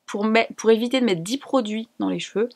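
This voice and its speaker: A woman's voice: fairly high pitch, brisk, creaky. A woman from France chatting casually in a beauty haul video, enthusiastic and fond of repeating words for emphasis. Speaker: beauty vlogger.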